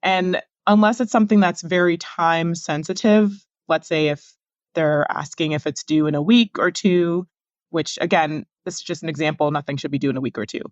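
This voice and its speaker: A woman doctor, somewhat low-voiced, lays out her advice as a podcast guest in a measured, explanatory way. Her audio sounds dull and muffled. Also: dry recording. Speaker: physician researcher, guest. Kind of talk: podcast interview.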